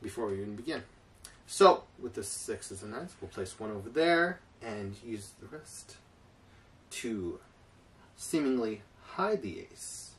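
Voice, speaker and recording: A man with a fairly low voice presents a card trick in the theatrical manner of a stage magician. He draws out phrases as he narrates each move for his viewers. The microphone is some way off, and there is clear noise behind him. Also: big pitch swings, slow, a bit bright. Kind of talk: magic trick performance patter to camera. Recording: distant mic, clear background noise.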